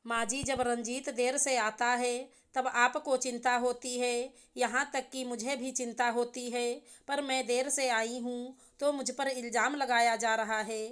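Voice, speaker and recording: A woman's voice: on the high side, clear, resonant tone, natural voice. A woman reading an indignant young wife. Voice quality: earnest, protesting.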